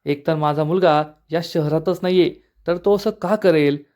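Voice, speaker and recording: A man's voice: a little high, normal speed, darkish tone, lightly acted. A man voicing a confident, defiant middle-aged father standing up to police. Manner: confident, curt.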